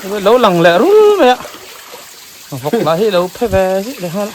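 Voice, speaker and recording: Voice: medium pitch, expressive, moderate pace. A person chatting casually outdoors, laughing between remarks. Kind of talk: casual chat while out in the field. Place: outdoors near water. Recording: noisy outdoor recording, running water.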